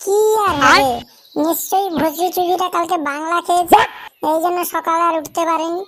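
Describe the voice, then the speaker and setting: A man voicing a squeaky-voiced young friend in a cartoon gang, speaking in a mocking, offhand way. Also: fairly even intonation, moderate pace, pushed and bright, a little hiss or hum. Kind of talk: cartoon voice acting.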